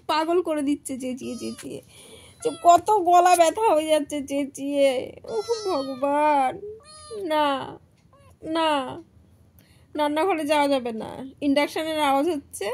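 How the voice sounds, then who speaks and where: Exasperated high-voiced woman filming her cat. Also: moderate pace, pauses often. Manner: exasperated, keeps saying "look". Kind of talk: casual home video chat. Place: home, near the kitchen.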